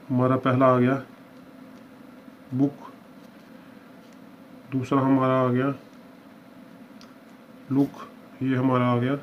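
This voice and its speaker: Male teacher, mid-pitched, patient walkthrough, dull lo-fi sound. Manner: explains patiently, often checks understanding. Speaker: shorthand teacher. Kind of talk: step-by-step lesson. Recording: dull lo-fi with faint hiss.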